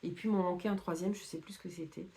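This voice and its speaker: A woman's voice: on the low side, steady tone, quick pace, creaky, dark tone. A woman chatting casually to camera about her reading plans, with many fillers and restarts. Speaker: book vlogger.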